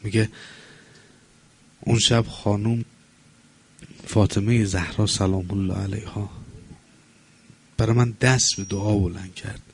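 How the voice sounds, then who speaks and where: Male preacher, husky low voice, sermon storytelling, impassioned. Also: fairly even intonation, long pauses. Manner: impassioned, rising into mourning recitation.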